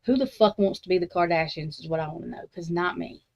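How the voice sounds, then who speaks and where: A woman's voice: fairly low pitch, quick pace, a little mellow. A woman hosting a true crime talk stream, ranting bluntly and profanely in a casual, rambling way full of restarts and slangy Southern-tinged grammar. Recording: slightly dull, lo-fi sound.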